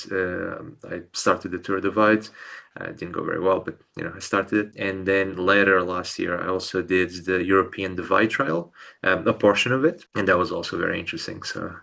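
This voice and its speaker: A young Portuguese man, appearing as a podcast guest in a casual storytelling interview, recounts bike travel stories hesitantly and often repeats words. His voice sits low with vocal fry and a bright, forceful tone.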